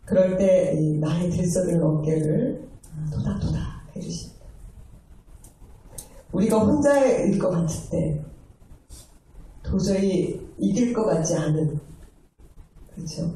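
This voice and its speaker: Woman preacher, soft dark tone, storytelling sermon, distant mic in a big echoey church. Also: medium pitch. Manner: storytelling, acting out tender quoted voices. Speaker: junior pastor. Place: large church sanctuary. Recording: echoey hall, voice from far off.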